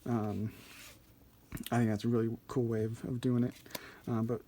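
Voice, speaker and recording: A man with a mellow, relaxed voice of medium pitch walks through a hands-on demonstration. He speaks informally as an instructor, hesitating now and then as he thinks aloud. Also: moderate pace, slight background noise. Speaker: card trick instructor. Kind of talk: casual hands-on tutorial.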